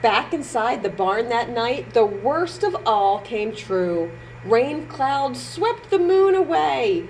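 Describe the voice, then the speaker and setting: Reading a children's story at an unhurried pace, a storytime librarian uses a lively, swooping, fairly high voice, stressing words in a sing-song, exaggerated way. She pauses to comment on the pictures and add little asides to her young listeners, with clear background noise in a low-quality recording.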